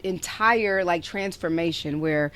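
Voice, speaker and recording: A woman's voice: on the low side, a little slow, a bit bright. A young adult woman hosting a podcast, chatting playfully and filling her talk with "like" as she tells a story. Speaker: podcast host. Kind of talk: casual chat, storytelling.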